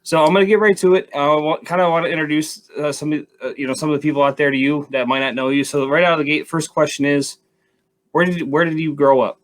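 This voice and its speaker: A man's voice: on the high side, fairly even intonation, fast. A man hosting a live interview show, asking questions in a chatty way with many fillers. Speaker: show host.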